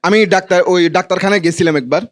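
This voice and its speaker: A man's voice: high-pitched, quick pace. A man with a Bangladeshi accent performing stand-up comedy to a live audience, with colloquial, teasing banter. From Noakhali, Bangladesh.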